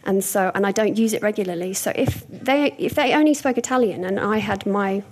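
A woman's voice: mid-range voice, brisk, a little mellow. A young woman preaching a sermon in a conversational, storytelling way, with frequent hesitations.

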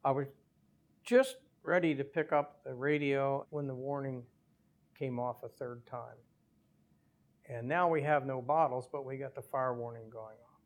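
Older man, gravelly voice, former airline captain, measured storytelling, detailed and careful. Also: medium pitch, steady tone. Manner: measured, detailed recounting with small hesitations. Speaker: airline captain, interview guest. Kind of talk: conversational storytelling.

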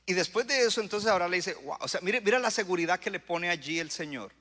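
A male pastor preaching a sermon, surging into loud emphatic bursts and calling out to the congregation. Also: high-pitched, fast. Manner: preaching with rising bursts of emphasis and audience call-outs. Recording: long hall reverb.

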